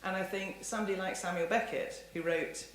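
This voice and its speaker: Audience questions get careful, meandering, hedged answers from a woman lecturing in an indoor hall. Her voice is mid-range and brisk with fairly even intonation, recorded with the hall's roomy sound and faint noise in the background.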